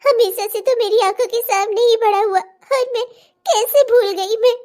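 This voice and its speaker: A woman's voice: very high-pitched, normal speed, darkish tone. A woman voicing a remorseful mother in a cartoon, speaking through tears. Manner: tearful, remorseful. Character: remorseful older mother, tearful. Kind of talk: cartoon voice acting.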